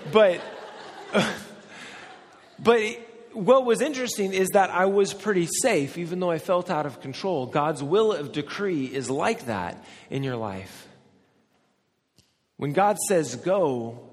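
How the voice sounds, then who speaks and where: A man in his forties, a pastor, preaching a sermon and telling personal stories in an animated, self-deprecating way. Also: a little high. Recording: hall with long reverb.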